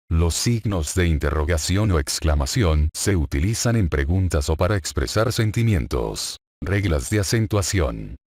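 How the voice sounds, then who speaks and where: A man narrating a scripted spelling lesson, reading rules and examples in an even, list-like way. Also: low voice, no room sound, clean studio sound.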